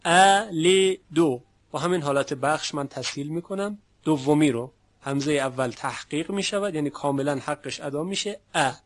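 A man teaching Quran recitation in a lecture, explaining patiently and slowing down to demonstrate how sounds are pronounced. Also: a little high. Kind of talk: classroom lecture.

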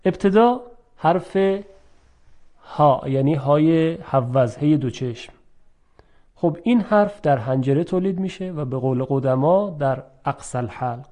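A man teaching Arabic pronunciation, drawing out example words slowly and clearly, then explaining them quickly in between. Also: fairly high pitch, expressive, warm tone. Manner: clear, careful articulation. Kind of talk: language lesson.

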